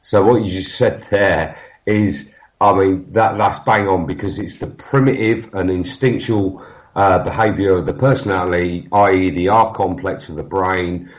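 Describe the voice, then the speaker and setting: A deep-voiced man with a head cold chats in a casual podcast conversation, halting, full of fillers and restarts, and losing his train of thought. The recording sounds dull and lo-fi.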